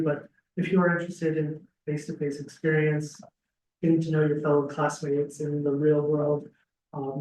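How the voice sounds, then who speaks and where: A man, a school dean, giving a relaxed information session to prospective students, with frequent ums and restarts, heard through a laptop webcam on a video call. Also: a little high, a little hiss or hum. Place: classroom with audience, also streamed on a video call. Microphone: laptop webcam some distance away. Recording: roomy, distant webcam audio.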